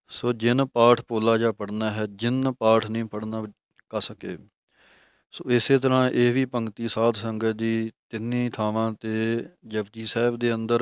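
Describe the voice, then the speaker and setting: A man teaching correct scripture recitation, chanting verses slowly and then explaining them in a calm, measured tone. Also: fairly low pitch, clean tone, dry recording, clean studio sound. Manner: slow, drawn-out recitation of verses between explanations. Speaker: Sikh religious teacher. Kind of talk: scripture pronunciation lesson.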